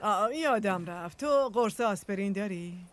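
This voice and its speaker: A woman's voice: mid-range voice, lively intonation, close to an everyday voice. A woman dubbing a drama character, talking in a sarcastic, snappy way. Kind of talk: Persian dub acting.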